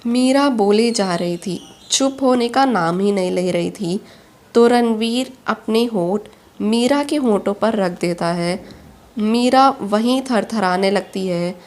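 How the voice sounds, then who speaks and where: Slow, steady female storyteller. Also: mid-range voice. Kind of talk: audio story narration.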